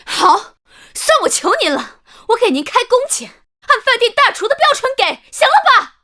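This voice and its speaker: A very high, bright-voiced young daughter-in-law in a melodramatic short drama. She is shrill, entitled and scheming, with a vicious temper and swooping intonation. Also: sing-song, normal speed, exaggerated voice. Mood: falsely conciliatory. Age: young adult. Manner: shrill, accusatory, swings between tirades and coaxing.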